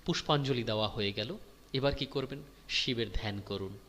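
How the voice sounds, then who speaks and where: A man giving devotional instruction, guiding listeners through worship and chanting mantras in slow, drawn-out tones. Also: mid-range voice, a bit bright. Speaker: religious teacher. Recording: long hall reverb.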